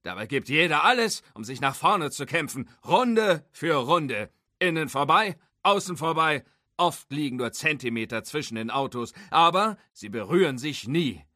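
A man voicing a gruff old male race car mentor who lectures sternly. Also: on the high side, lively intonation, normal speed, pushed and bright, no room sound, studio quality, voice pushed up.

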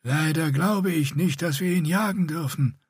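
A man voicing a young, scarred, one-eyed male warrior with a grating, raspy voice and a curt, threatening manner. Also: a little high, moderate pace, no echo, studio quality, voice pushed up. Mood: cold.

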